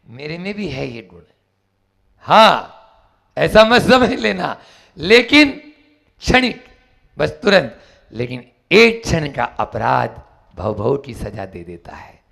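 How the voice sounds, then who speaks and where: A male spiritual teacher preaches a sermon, stressing each key word and raising his voice on lists. His voice sits high and gravelly, and his pace is slow and deliberate. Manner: animated, emphatic preaching with rising exclamations. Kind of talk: sermon with storytelling.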